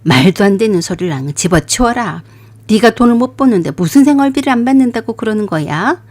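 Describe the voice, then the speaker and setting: A woman voicing a stern, scolding older mother-in-law in a radio drama, lowering her voice into sharp rebukes. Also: expressive, a little fast, close to an everyday voice.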